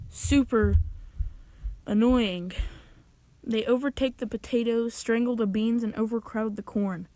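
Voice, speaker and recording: A young woman narrating an animated storytime video with a wry, dry sense of humor and playful exaggeration. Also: fairly high pitch, no echo. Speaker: channel owner telling a story.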